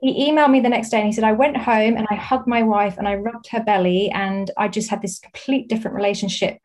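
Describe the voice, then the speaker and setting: A woman therapist as a guest in a casual chat, telling animated stories. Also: medium pitch, fast talker. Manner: animated storyteller.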